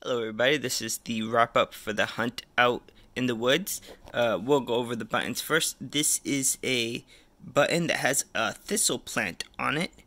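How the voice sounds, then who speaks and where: Gravelly bright man showing his finds. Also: mid-range voice, normal speed. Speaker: metal detecting vlogger. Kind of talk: show-and-tell wrap-up.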